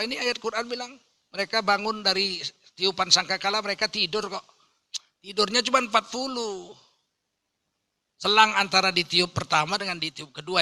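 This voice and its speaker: A man preaching a sermon, telling stories humor and acting out the voices in them. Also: high voice. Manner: animated storytelling, jokes, acts out quoted voices.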